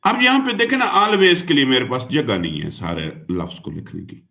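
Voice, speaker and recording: A male teacher lecturing a class, his pitch rising and falling with animated, expressive swings. He spells words out letter by letter and keeps turning to his students with "dear student" and "son". He slips English terms in and out of his explanation. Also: normal speed, vocal fry. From Pakistan. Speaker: exam-prep teacher.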